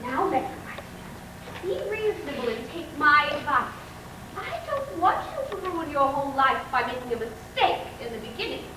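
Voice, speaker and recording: A woman's voice: high-pitched, big pitch swings, normal speed. A woman playing a stern, wealthy, meddling old aunt who scolds imperiously, in old-time radio drama style. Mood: scolding. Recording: echoey distant old recording with faint hiss.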